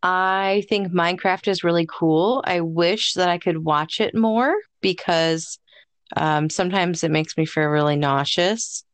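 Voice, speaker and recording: A woman co-hosting a casual podcast chat, speaking in a gentle, encouraging and thoughtful way. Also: on the low side, unhurried, dry recording. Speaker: podcast co-host.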